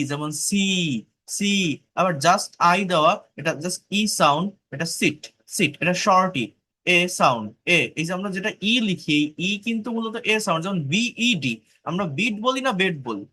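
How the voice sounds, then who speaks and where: A man's voice: high voice, bright, forceful tone. A man with a Bangladeshi accent teaching pronunciation in an online class, drilling sounds one by one and checking whether students follow. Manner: repeats sounds slowly for drilling, asks students if they follow.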